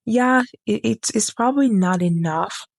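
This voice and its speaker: A woman's voice: a little high, a little slow, creaky, no echo, clean studio sound. A woman book reviewer chatting casually to camera, rambling, getting sidetracked and correcting herself as she goes.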